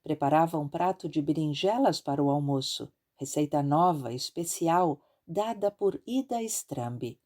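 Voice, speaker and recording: A woman narrating an audiobook in a measured, expressive reading style. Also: low-pitched.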